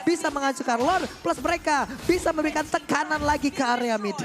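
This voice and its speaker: High-pitched Indonesian man announcing like a fighting game. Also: fairly quick. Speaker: esports match caster. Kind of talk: live fast esports commentary.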